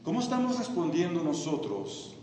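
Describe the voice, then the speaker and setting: Man, preaching, high voice, soft lows and loud impassioned peaks, echoey hall from far off. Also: huge pitch swings, moderate pace. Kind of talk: sermon. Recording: echoey hall, distant mic, faint ambient noise.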